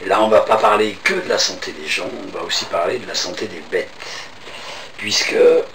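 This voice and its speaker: A man hosts a casual interview with a hoarse, cavernous, low voice. He is chatty and self-deprecating. The sound is roomy and distant, with clear noise behind him. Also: a little fast, fairly bright tone. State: hoarse, cavernous voice from lingering voice loss. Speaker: host of a health show. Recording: roomy echo, off-mic, clearly noisy.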